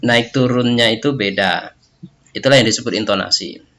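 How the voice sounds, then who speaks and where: A man's voice: medium pitch, normal speed, pushed and bright. A male teacher giving a recorded lesson, explaining step by step and tagging his sentences with a questioning "ya". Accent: Indonesian.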